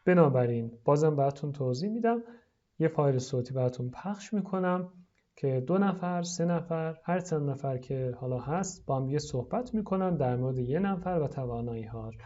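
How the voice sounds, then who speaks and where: A teacher explaining an English lesson in Persian, stretching out English phrases slowly for students to repeat. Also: medium pitch, lively intonation, mellow, muffled recording. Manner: explains slowly, then models English words drawn out for repetition.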